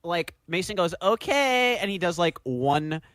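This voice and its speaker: A man hosting a casual podcast with friends, excitable, often jumping in and restarting his sentences. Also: sits high, measured pace, clean tone, no echo, clean studio sound. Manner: excitable, jumps in and restarts, bursts into laughs. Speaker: podcast host. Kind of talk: casual chat.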